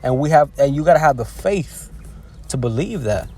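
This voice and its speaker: A man giving a casual scripture teaching as a lay preacher. He peppers his talk with "man" and "hey", stumbles and restarts often, and reads verses slowly and haltingly. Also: medium pitch, lively intonation, darkish tone, slight background noise.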